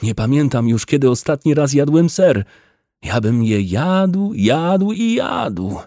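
A man voicing a poor, timid village man who pleads and cries in a high whine. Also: wildly swooping pitch, unhurried, dark tone, no room sound, clean studio sound, heavily acted. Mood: pleading. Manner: high whining voice, pleading and sobbing.

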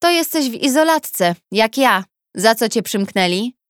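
A woman's voice: a little high, lively intonation, a little slow, no room sound, studio quality, pitched above the performer's own voice. A woman reader voicing a brash, mocking female prisoner who talks in crude slang. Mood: brash teasing.

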